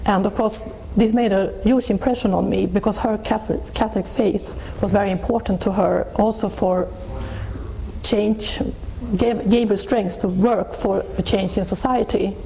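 Mellow-voiced Swedish-accented middle-aged woman. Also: mid-range voice, steady tone, normal speed, gravelly, a little hiss or hum, poor audio. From Sweden. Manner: thoughtful, with frequent restarts and soft laughs. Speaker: interview guest. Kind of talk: reflective personal testimony.

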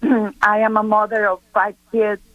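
A woman's voice: medium pitch, level tone, unhurried, dry recording, narrow, tinny audio. Earnest middle-aged woman from Costa Rica. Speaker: guest speaker. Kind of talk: radio interview chat.

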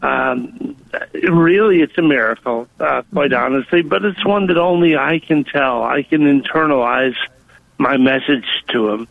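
A man phones in to a radio show and shares a personal story, hesitating often and filling pauses with ums. His voice is gravelly, medium in pitch and unhurried, with no echo. The call comes through a telephone, so the line sounds tinny.

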